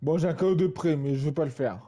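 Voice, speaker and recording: A man's voice: a little high, fast talker, warm tone. A man in his twenties giving casual gameplay commentary, rambling and full of fillers and repeated tags. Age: 20s. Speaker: gaming channel host.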